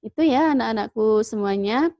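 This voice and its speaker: A woman's voice: on the high side, normal speed, warm tone, no room sound. Patient woman teacher, dry close sound. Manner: patient, explains step by step, asks and answers her own questions. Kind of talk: online class lesson.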